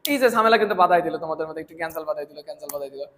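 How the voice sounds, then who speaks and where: A man's voice: on the high side, very fast, a bit bright. A man teaching an English grammar class, asking questions and answering them himself, repeating the key terms. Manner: asks and answers his own questions, repeats key words; mixes English terms into casual talk. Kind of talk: classroom lesson.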